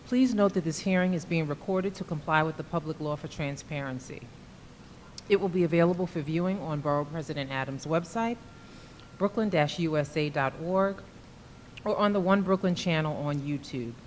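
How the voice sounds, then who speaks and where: A woman chairing a public hearing, reading a formal procedural script in a courtroom-style recording. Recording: long reverb of a hearing room with faint rumble.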